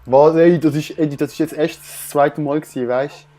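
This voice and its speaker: A man's voice: fairly high pitch, fairly even intonation, moderate pace, warm tone. A young man with a Swiss German accent, chatting playfully and a bit whiny while playing a game with a friend. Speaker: let's play host. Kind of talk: casual gameplay chat.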